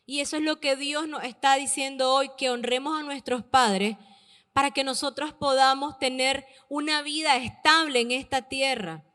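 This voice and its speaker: Female preacher, high pitch, emphatic and repetitive delivery, long hall reverb. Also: pushed and bright. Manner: emphatic, repeats key words slowly for stress. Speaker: preacher addressing youth and parents. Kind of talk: sermon.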